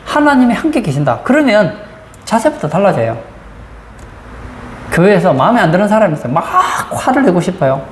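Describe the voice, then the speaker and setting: A woman's voice: medium pitch, big pitch swings, brisk, long pauses, a little mellow. A woman pastor preaching a sermon, asking the congregation frequent rhetorical questions. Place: church sanctuary. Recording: roomy church acoustics, faint background noise.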